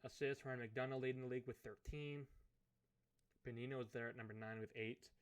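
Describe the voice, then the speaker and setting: In this let's play of a management sim about hockey, a Canadian commentator slowly ponders his options aloud. The voice is mid-range and steady in tone, though hoarse and fading because he is losing it.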